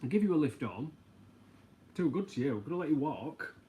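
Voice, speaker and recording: A man's voice: fairly high pitch, big pitch swings, moderate pace, dark tone, a little hiss or hum. A man hosting a casual livestream, rambling, joking and reading out viewer comments. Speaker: livestream host. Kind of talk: casual live chat.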